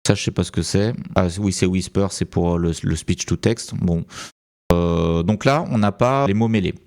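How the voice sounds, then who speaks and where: A deep, darkish-toned male voice at a moderate pace talks through a screen-recorded tutorial. The presenter has a French accent and reasons aloud, hesitant and full of fillers.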